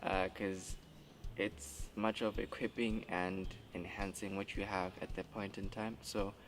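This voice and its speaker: A man's voice: low-pitched, level tone, a little slow, a little hiss or hum. A young man, a musician answering interview questions and searching for words. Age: 20s.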